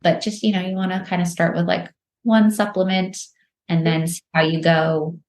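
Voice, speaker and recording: A woman's voice: lowish voice, flat delivery, moderate pace, darkish tone. A woman guest on a podcast, explaining things casually with lots of fillers and restarts. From United States. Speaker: podcast guest, microdosing entrepreneur. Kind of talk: casual interview answers. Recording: roomy echo.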